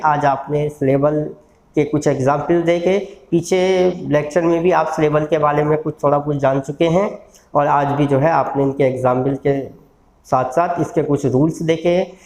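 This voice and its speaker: A man giving a recorded lecture, slowly stretching out word sounds and encouraging his students. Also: fairly high pitch, fairly even intonation, a little mellow. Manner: slow, drawn-out sounding of syllables, encouraging. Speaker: law college lecturer. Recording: echoey room.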